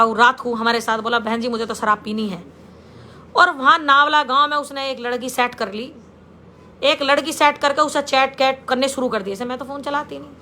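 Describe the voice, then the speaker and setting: High, bright, scolding middle-aged woman. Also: a little hiss or hum. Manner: scolding, confrontational, addresses the rival directly. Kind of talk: angry public statement.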